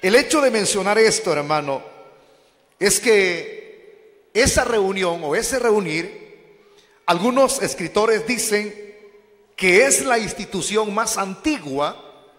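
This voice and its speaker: Male preacher, unhurried teaching sermon, long reverb. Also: high voice, animated, fairly bright tone. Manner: addresses listeners as brothers, asks and answers questions.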